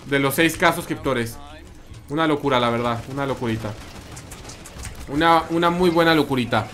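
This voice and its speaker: This streamer is a man with a Mexican accent whose medium-pitched voice sounds a bit bright, moving at an ordinary pace. While playing, he talks to his audience, responds to chat messages, and keeps repeating phrases.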